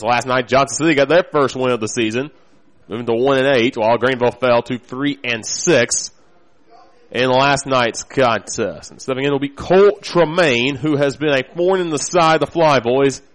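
An American man calls a baseball game live. His pitch is mid-range, and he speaks as a play-by-play broadcaster following the action. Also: rough recording. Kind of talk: live sports commentary.

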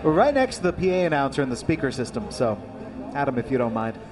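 A man's voice: medium pitch, big pitch swings, fast, music in the background. A man calling baseball play-by-play live in clipped phrases from a ballpark. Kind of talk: live sports commentary. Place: outdoor ballpark broadcast position. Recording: live ballpark crowd behind.

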